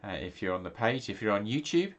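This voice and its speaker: The audio is dull, but the lowish male voice swings widely in pitch at a quick pace. A middle-aged English pastor, he talks casually on video with a stuffy nose, rambling and restarting often amid plenty of ums.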